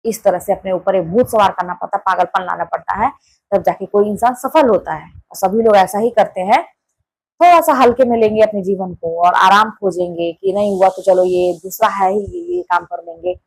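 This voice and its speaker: A woman's voice: medium pitch, normal speed, vocal fry, slightly rough, no echo, low-quality recording. A woman giving an earnest, insistent motivational talk to her channel's viewers, repeating her points for emphasis. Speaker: motivational YouTuber. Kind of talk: casual motivational talk to camera.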